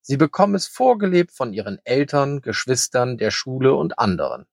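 A very old grey hare, calm, kind and wise, speaks gently in a children's story, as a man reads him. The voice is husky and dry, with a lively, rising and falling melody. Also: mid-range voice, normal speed, no echo. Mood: gentle.

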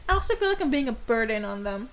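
A soft-spoken woman in her twenties chatting frankly, laughing often. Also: on the high side, very animated, fast talker. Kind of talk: casual chat.

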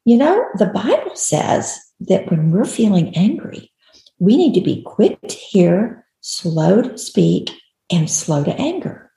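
Gravelly-voiced older woman, low and mellow. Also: echoey room. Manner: earnest, gentle, teacherly. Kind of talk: explanatory talk.

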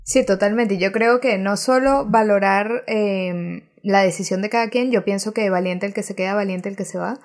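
Woman guest, middle pitch, measured and reflective, hesitates with fillers. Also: steady tone. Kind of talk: casual conversation.

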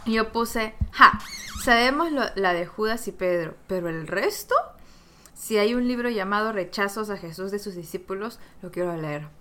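A woman's voice: medium pitch, animated, moderate pace, pushed and bright, slight background noise. A woman reading Bible verses aloud and joking with a friend in a casual study chat. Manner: playful, giggly, reads verses aloud.

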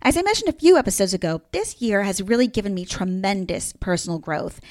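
A woman's voice: mid-range voice, sing-song, a little fast, a little mellow. A woman in her fifties with a New Jersey accent, hosting a solo podcast in an upbeat, emphatic, playfully sarcastic way. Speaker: podcast host.

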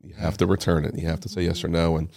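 A man giving an emotional personal testimony in an interview, halting and often repeating his words. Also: low-pitched, flat delivery, creaky, darkish tone. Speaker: interview guest, father. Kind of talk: personal testimony, casual storytelling.

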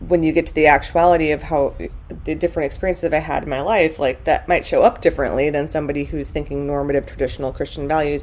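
A woman's voice: deep voice, darkish tone. A middle-aged woman from California chatting candidly on a podcast, reflective, with many fillers. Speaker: guest. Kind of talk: casual podcast conversation.

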